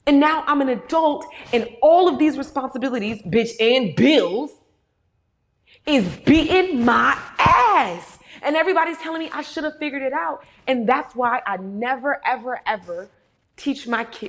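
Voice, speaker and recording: A woman in her thirties, a host answering audience questions in a candid, animated way and swearing often. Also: high voice, moderate pace. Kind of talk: casual talk to an audience.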